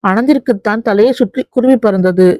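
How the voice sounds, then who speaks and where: A woman's voice: fairly high pitch, normal speed, a little mellow, no room sound. Woman narrating an audio novel.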